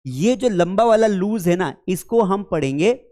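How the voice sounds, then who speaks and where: A man teaching an online spoken-English lesson. He explains patiently, calls his viewers friends and children, and reads English example sentences slowly. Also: high voice, expressive, darkish tone.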